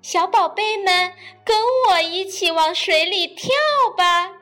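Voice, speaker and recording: A woman's voice: very high voice, steady tone, slow pace, sharp tone, faint music behind, voice pushed up, full character voice. A woman voicing a fussy mother duck in a storybook, quacking as she calls and scolds. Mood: coaxing.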